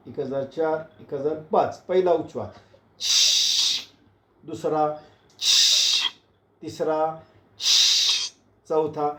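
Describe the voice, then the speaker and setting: A man leading an online breathing and posture class, counting slowly and giving calm step-by-step cues that drop soft and low. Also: heavy background noise. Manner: slow, counting cues, voice dropping soft and low when calming. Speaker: yoga and breathing instructor. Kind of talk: guided breathing exercise instruction. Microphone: video call. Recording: roomy, dull lo-fi online class audio.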